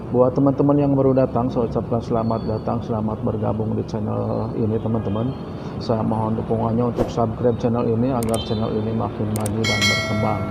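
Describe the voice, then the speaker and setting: Male host, casual intro, even-toned, creaky voice, noisy recording. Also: fairly low pitch. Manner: repeatedly addresses viewers as friends. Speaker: YouTube host. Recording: dull noisy outdoor-like recording.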